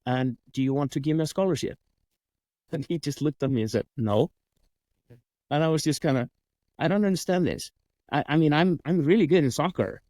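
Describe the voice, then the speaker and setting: Icelandic man telling lively stories. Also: fairly high pitch, no echo. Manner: animated storyteller acting out dialogue. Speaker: guest, coach and sales trainer. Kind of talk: storytelling interview.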